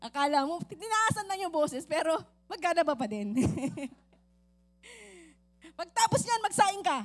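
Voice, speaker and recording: A woman pastor preaching a lively, joking sermon that mixes in English phrases and acts out the voices in her stories. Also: extremely high pitch, measured pace, faint music behind.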